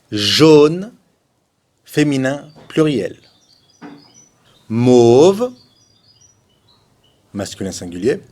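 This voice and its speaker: A man gives a French lesson at an unhurried, deliberate pace, saying each color again and again so learners catch the sound. His pitch sits in an ordinary middle range, and now and then he slips into a relaxed, joking aside about the exceptions in the rules. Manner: repeats words for pronunciation drills, patient; chatty asides, shrugs off exceptions. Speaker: French teacher. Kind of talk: slow, deliberate language lesson.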